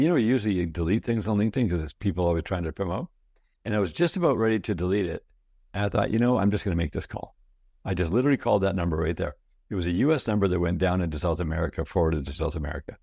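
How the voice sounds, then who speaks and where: A man's voice: low voice, creaky, darkish tone, dry recording, studio quality. A man in his sixties, a guest talking casually and enthusiastically in an interview, telling stories and often repeating words. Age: 60s. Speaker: guest, product founder.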